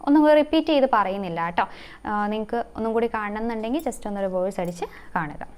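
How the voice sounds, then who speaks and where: Clear-voiced woman teaching in a quizzing tone. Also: a little high, fast. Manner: quizzing, repeats answers, links facts with memory tricks. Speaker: exam-prep teacher. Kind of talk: online lesson.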